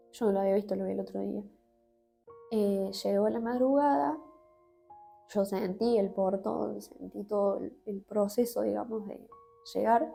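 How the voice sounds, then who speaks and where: A woman with an Argentine accent gives an emotional personal testimony in an interview. She speaks haltingly, with many restarts and fillers. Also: mid-range voice, gravelly, warm tone. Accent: Argentine Spanish.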